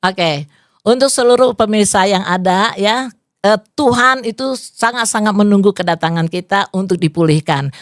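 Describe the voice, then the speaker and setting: A woman's voice: medium pitch, moderate pace, dry recording, studio quality. A woman pastor in her fifties sharing a personal testimony in an interview, earnest and devout. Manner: earnest, devout, full of "praise the Lord". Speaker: pastor and guest.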